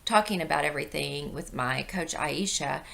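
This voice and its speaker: A middle-aged woman with a low, hoarse voice full of gravelly creak and a wheezy edge. She speaks like a video blogger chatting to followers, rambling conversationally as she explains things. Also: moderate pace, fairly bright tone. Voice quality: wheezy, breathy intake from asthma. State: hoarse with a chest infection. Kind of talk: casual personal vlog.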